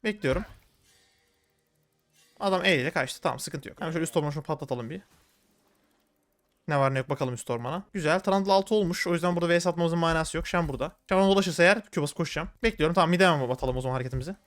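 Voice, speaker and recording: Rapid high-voiced male gamer. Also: soft background music. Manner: rapid, excitable, slangy, talking to viewers. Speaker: gaming streamer. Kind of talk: live gameplay commentary.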